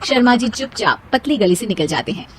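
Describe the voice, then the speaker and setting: Female narrator for children's moral tales, high-pitched voice, scripted storytelling delivery. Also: animated, fairly quick, heavy background noise.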